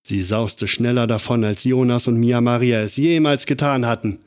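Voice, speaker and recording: A man reading a children's story aloud with an expressive, dramatic delivery. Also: mid-range voice, moderate pace, smooth. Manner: animated, dramatic build-ups.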